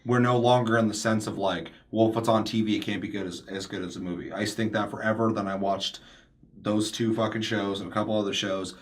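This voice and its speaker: Fast and steady in tone, this man's fairly low voice belongs to a podcast host running a casual panel. His delivery is an emphatic rant thick with swearing, punctuated by mimicked quotes of others.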